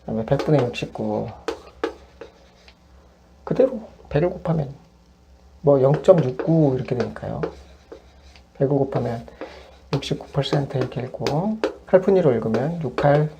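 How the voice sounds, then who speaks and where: A woman math tutor explains each step patiently, the way she would with a student. Her voice sits extremely low and has a gravelly, creaky edge. Steady background noise runs under the recording. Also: normal speed, pauses often, muffled recording. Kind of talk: worked-example lesson.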